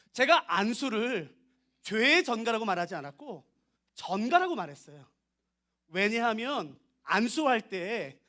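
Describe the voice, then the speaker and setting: High, bright-voiced male preacher. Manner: emphatic, acts out dialogues, addresses congregation directly. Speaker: pastor. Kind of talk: revival sermon. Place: church sanctuary.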